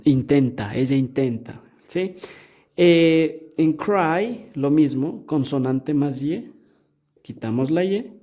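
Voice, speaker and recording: Teacher going over grammar real slow, soft mellow voice, keeps asking ok? to check in. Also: mid-range voice. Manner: patient, repeats each point and checks in with "ok?" and "sí?". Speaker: English teacher. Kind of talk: explaining grammar to students.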